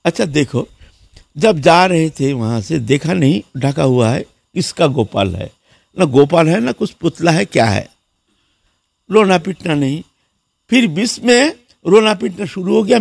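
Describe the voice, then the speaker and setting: Gravelly, lively male monk preaching. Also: a little high, measured pace, dry recording. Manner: lively storyteller who acts out the people in his story; repeats words and fills with "haan". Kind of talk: devotional sermon with storytelling.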